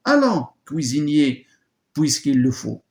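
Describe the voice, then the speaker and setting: A man's voice: medium pitch, huge pitch swings, normal speed, gravelly, darkish tone. A man reading aloud the part of a young defiant woman, voice raised and dramatic, in an echoey room.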